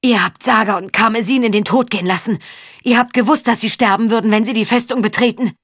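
A woman's voice: a little high, fairly even intonation, fast, dry recording, studio quality, voice pushed up. A woman doing a furious young man, gasping. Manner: shouting, gasping. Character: furious young male outcast pinned to the ground.

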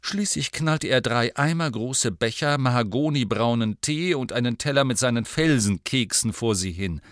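A man reading a story aloud in steady scripted narration. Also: mid-range voice, moderate pace, no echo, studio quality. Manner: steady storytelling with voiced dialogue. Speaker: audiobook reader.

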